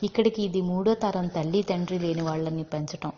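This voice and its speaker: A calm, reasoning older man, as a woman reads him placates his family. The voice is low and warm. The recording is dull and lo-fi, with a long reverb. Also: brisk, slight background noise, natural voice. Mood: placating.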